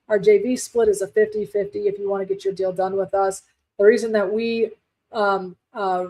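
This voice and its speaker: Woman host, casual live-stream talk, chatty with fillers, firm and direct, mid pitch. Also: a little mellow, poor audio. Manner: chatty, many fillers and restarts. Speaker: livestream host, real estate wholesaler.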